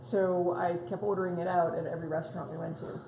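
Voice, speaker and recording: Woman co-host, lowish mellow voice, hesitant, roomy sound. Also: level tone, fast talker, vocal fry, a little hiss or hum. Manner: hesitant, a little tongue-tied. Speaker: co-host reading viewer comments. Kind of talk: casual chat.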